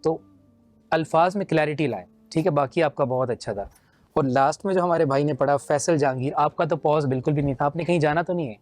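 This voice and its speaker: A man's voice: a little high, a little mellow. A man judging a naat recitation contest, explaining in a teacherly way with simple everyday examples. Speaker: naat competition judge. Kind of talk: judging feedback.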